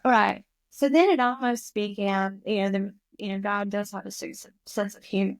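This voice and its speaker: A woman in her fifties, a podcast guest, telling a personal story in an animated, emotional way. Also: mid-range voice, normal speed, no echo. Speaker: guest, recovery school founder.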